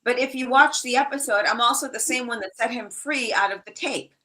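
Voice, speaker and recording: A woman's voice: a little high, a little fast, pushed and bright, low-quality recording. A middle-aged woman guest chatting casually on a wrestling podcast, brash, joking and candid.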